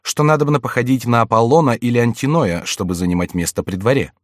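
A man's voice: medium pitch, quick pace, dry recording, clean studio sound, natural voice. A man voicing an irritable royal duke who answers curtly. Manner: curt, testy.

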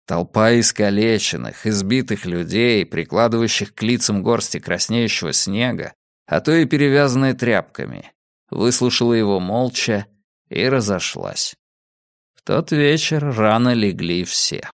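A man reading an adventure novel aloud as a steady audiobook narrator. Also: on the low side, a little slow, vocal fry, no room sound, clean studio sound. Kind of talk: scripted narration.

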